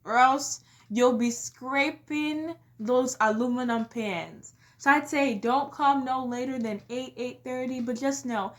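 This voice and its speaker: A young woman vlogger with a slightly high voice, talking slowly and deliberately. She speaks emphatically and addresses her viewers directly in a casual, joking way. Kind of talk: casual comedic vlog.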